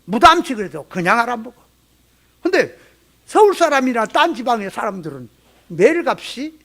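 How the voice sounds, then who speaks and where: A man's voice: very high voice, big pitch swings, normal speed, bright, forceful tone. A pastor with a Jeolla accent preaching a sermon, folksy and full of rhetorical questions to his congregation. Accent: Jeolla Korean. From Jeolla, Korea. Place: church sanctuary.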